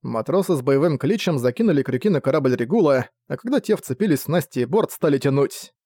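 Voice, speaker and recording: A man reading a novel aloud as narrator, in a steady, measured way. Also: medium pitch, no room sound, studio quality.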